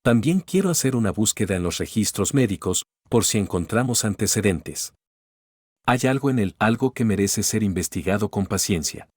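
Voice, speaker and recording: A man voicing a kind woman doctor who speaks calmly and reassuringly in a storybook reading. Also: fairly low pitch, moderate pace, breathy edge, no echo, studio quality. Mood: gentle. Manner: gentle, reassuring.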